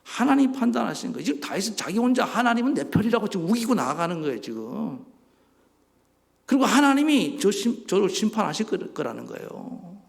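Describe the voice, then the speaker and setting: A man preaching a sermon as a pastor, animated, acting out voices and asking the congregation questions. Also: high voice, fairly quick, gravelly. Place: church sanctuary. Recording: church hall reverb.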